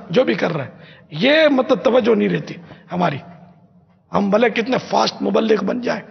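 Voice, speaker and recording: An older man, a religious scholar from Pakistan, gives an emphatic teaching talk to a gathering and repeats phrases slowly as pronunciation drills. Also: high-pitched, gravelly, breathy edge. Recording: echoey hall, dull lo-fi sound.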